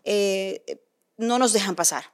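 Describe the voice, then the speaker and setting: A woman chatting casually and telling a lively story, mixing in English phrases. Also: mid-range voice, slow pace, clear, resonant tone. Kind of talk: casual bilingual chat.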